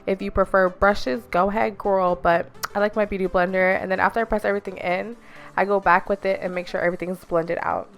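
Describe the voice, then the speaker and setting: A woman's voice: mid-range voice, steady tone, a little fast. A young woman narrating a makeup tutorial in a chatty, instructive way, with a self-deprecating joke here and there. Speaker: beauty vlogger.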